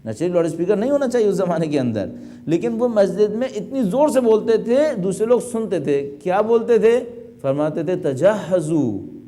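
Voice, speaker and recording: A man's voice: high voice, very animated, warm tone. A middle-aged male cleric preaching an emphatic sermon, full of rhetorical questions. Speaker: cleric delivering a majlis.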